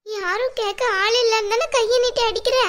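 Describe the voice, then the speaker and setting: A woman doing a super high-pitched nagging mother-in-law, scolds and wails, cartoon drama. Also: steady tone, fairly quick, fairly bright tone. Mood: wailing. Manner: scolding, then wailing dramatically. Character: scheming middle-aged mother-in-law, sharp-tongued, fake crying. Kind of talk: cartoon dubbing.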